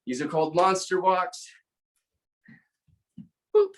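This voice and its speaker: Fitness class instructor, unhurried cueing and rep counts, mid-pitched voice, heard at a distance in a roomy space. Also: wildly swooping pitch. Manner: aerobics instructor cueing, short encouraging commands and counts. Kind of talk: live group workout coaching with counted reps. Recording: roomy echo, distant mic.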